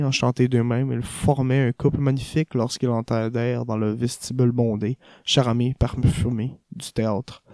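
Guy reading an audiobook, warm mellow voice, dry close mic. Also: medium pitch, dry recording. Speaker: audiobook reader. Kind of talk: audiobook narration.

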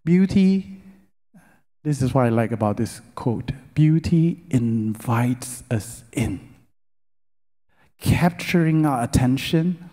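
A middle-aged man with a medium-pitched, dark voice speaks at a church lecture concert in a large worship hall, sermon-style. He leads call-and-response and lingers on key words with earnest emphasis, heard through long hall reverb.

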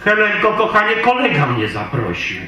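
A man's voice: sits high, huge pitch swings, moderate pace, sharp tone, heavily acted. A man playing a weary husband who patiently coaxes and soothes a demanding wife in a live stage sketch. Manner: patient, coaxing, often strained and raised. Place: stage in a hall before an audience. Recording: echoey hall, mic far off, audience laughter.

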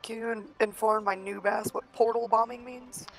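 A woman's voice: a little high, fairly even intonation, normal speed, over music, rough recording. A woman chatting casually during a game stream, amused and candid, swearing playfully. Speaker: friend in a gaming stream. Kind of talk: casual gaming chat.

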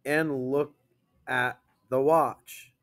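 A male teacher leading a classroom grammar lesson, reading sample sentences aloud slowly and checking in with his students. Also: mid-range voice, fairly even intonation, fairly bright tone.

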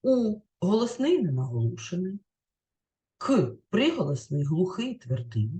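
Lively-voiced woman teaching a lesson. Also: fairly low pitch, moderate pace. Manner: clear, carefully enunciated teacher's explaining; reads out lists word by word. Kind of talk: recorded classroom lesson over slides.

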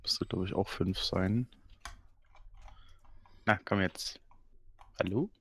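A man's voice: sits low, slow pace, fairly bright tone, breathy edge. A man in his thirties playing a tabletop game, chatting partly in character on a video call. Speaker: tabletop role-play player. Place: room at home, video call.

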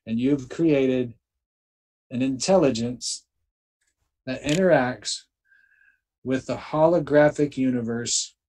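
A man's voice: mid-range voice, takes it slowly, pauses often, a little mellow, poor audio. A man leading a spiritual group, instructing listeners and chanting incantations with emphasis, checking in with frequent "okay?".

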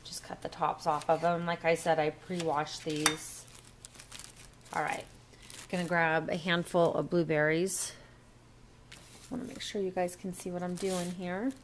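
A woman's voice: lowish voice, fairly even intonation, measured pace, long pauses, a little hiss or hum. A woman walking through a recipe step by step in a casual kitchen demo at a home counter, recorded on the camera mic. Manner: chatty, step-by-step instructions. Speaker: cooking vlogger.

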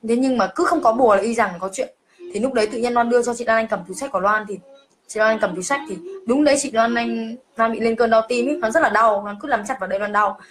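Speaking quickly in a slightly high voice, a young livestreamer recounts her own ghost story with a lot of emotion and calls herself by name. Faint background noise can be heard.

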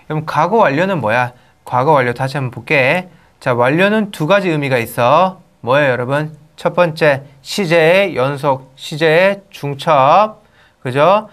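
A man's voice: a little high, fairly bright tone. Korean man teaching English grammar. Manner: rhetorical questions to students, bursts of emphasis; slow, careful reading of English example sentences. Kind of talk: online grammar lecture.

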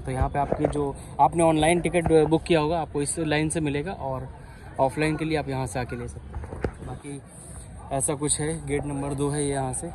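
A young man with a Lucknow Hindi accent, talking excitedly to viewers as he walks around with a handheld camera. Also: fairly high pitch, normal speed. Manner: excited, chatty, calls viewers bhai. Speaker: vlogger. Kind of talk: walking vlog, handheld. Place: outdoors by a stadium and in a crowded ticket hall. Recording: handheld camera amid loud crowd. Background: crowd and traffic noise.

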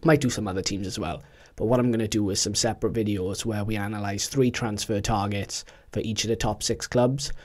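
A young man, chatting casually about football as a podcast co-host, animated and slangy. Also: on the low side, fairly quick, few pauses.

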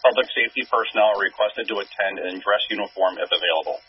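Low-voiced man on dispatch radio. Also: husky. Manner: measured, steady reading. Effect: dispatch radio transmission. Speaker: fire dispatcher. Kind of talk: formal dispatch announcement. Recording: muffled scanner radio with faint hiss.

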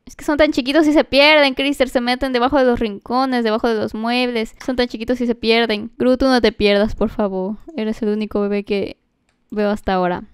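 A woman doing let's-play commentary, excitable, shrieking and gasping as she talks straight to her viewers. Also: a little high, fairly quick, smooth, dry recording, studio quality. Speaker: gaming streamer.

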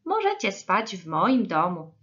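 A woman voicing a generous but huffy squirrel in a storybook reading, speaking loudly. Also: medium pitch, huge pitch swings, unhurried, breathy edge, dull audio, full character voice. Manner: loud, huffy.

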